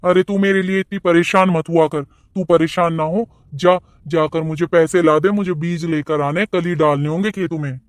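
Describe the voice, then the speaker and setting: A man voicing a patient, mild-mannered farmer in a cartoon who tries to calm the family down. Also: fairly high pitch, normal speed, hardly any pauses, dry recording, lightly acted. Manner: placating, patient. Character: mild-mannered farmer, older brother-in-law.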